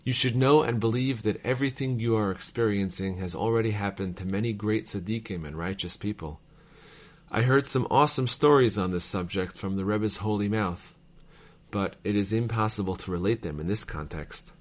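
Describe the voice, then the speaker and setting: A man with a somewhat low voice reads letters aloud. His delivery is measured and formal, with the steady cadence of devotional reading. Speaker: reader of devotional texts.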